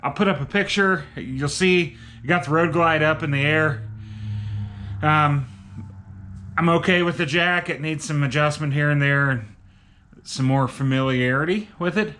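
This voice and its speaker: Recorded amid garage clutter with noticeable echo and background noise, this middle-aged vlogger keeps his product review chat relaxed and plain-spoken. His pitch is fairly high, his delivery pushed and bright, and he talks a little slowly.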